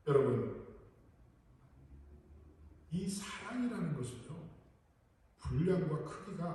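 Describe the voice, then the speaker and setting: Pastor preaching in an echoey hall. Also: male voice, on the high side, warm tone, distant mic. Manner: earnest preaching with rhetorical questions to the congregation. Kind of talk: sermon. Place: large church sanctuary.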